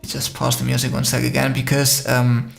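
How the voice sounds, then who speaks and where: A man's voice: mid-range voice, completely flat delivery, normal speed, creaky, echoey room, soft background music. A man from Spain hosting a casual live stream, rambling with many fillers and answering viewers' comments. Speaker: drone live-stream host.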